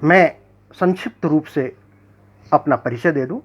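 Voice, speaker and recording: Reading verse to an audience, this poet and magazine editor speaks formally, unhurried and declamatory, frequently repeating lines before moving on. The recording is lo-fi and muffled, lacking high frequencies.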